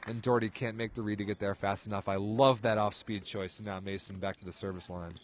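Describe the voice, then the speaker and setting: A man's voice: on the low side, fast talker. A man calling a volleyball match live, play-by-play, his voice jumping up on big plays. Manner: excitable, voice jumps up on big plays. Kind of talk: live sports commentary.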